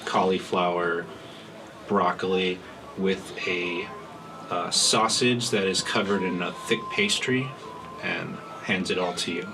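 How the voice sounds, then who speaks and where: A man working as game master, improvising tabletop narration in casual, halting phrases. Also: sits low. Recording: noisy room, ambient sound.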